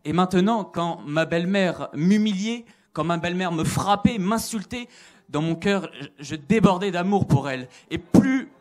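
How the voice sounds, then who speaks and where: A man's voice: sits high, animated, normal speed. A man giving an earnest religious testimony, repeating phrases and hesitating with fillers. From Italian. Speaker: testimony speaker.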